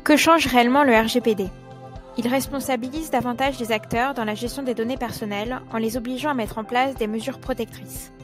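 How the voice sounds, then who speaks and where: A woman's voice: on the high side, steady tone, brisk, soft background music. A woman reading scripted explainer narration in a question-and-answer format.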